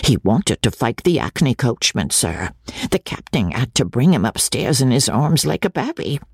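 A man voicing a solemn, deferential old valet speaking in a low hush in a storybook reading. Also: big pitch swings, moderate pace, husky, no room sound, studio quality. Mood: confiding. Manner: low, hushed and respectful.

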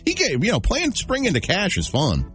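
A man's voice: sits high, huge pitch swings, brisk, a bit bright, soft background music. A man co-hosting a morning radio show, easygoing and agreeable, rambling a little with fillers. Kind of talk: casual radio banter.

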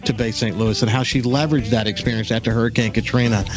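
A man's voice: mid-range voice, steady tone, fast, music in the background. A man hosting a radio talk show, chatting casually with a guest, often restarting his sentences. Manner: rambling, many restarts and fillers. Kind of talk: casual interview chat.

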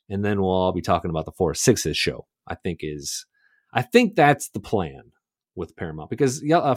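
A man co-hosting a casual TV recap podcast, talking in an animated, speculative way. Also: lowish voice, dry recording, studio quality. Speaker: podcast co-host.

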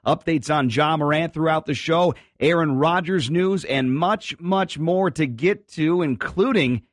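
A man hosting a sports radio show in an emphatic delivery, his voice hoarse from cheering. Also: fairly high pitch, measured pace, dry recording, studio quality. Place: radio studio.

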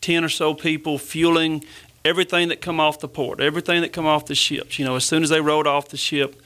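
Southern guy, bright voice a bit high, explaining stuff casually in an interview. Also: little pitch movement, fairly quick. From Mississippi, US. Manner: explanatory, frequent "you know". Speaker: interview guest, army veteran. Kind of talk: casual conversational recollection.

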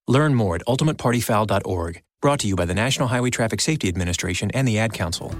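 A man reads a public service announcement briskly and directly. His delivery is quick, and the sound is dry and close. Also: fairly low pitch, expressive, no echo. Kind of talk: scripted public service ad read.

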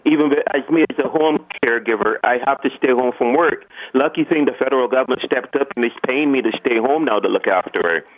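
A man's voice: medium pitch, fast, hardly any pauses. Frustrated man over the phone. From Ontario. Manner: earnest, frustrated, stumbles over words. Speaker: radio show caller. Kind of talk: call-in radio talk. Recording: tinny phone line.

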